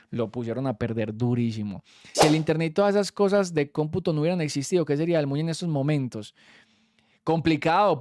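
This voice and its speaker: A man's voice: medium pitch, darkish tone, no echo, studio quality. A young Colombian man with a Colombian Spanish accent, telling a story in a casual, slangy way and swearing freely as a streamer.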